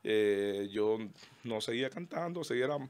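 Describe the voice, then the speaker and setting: A man's voice: mid-range voice, animated, moderate pace, clean tone. A middle-aged man from Cuba with a Cuban Spanish accent, a guest pastor and singer telling his story in a casual interview, rambling with restarts. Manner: rambling, frequent restarts, laughs warmly.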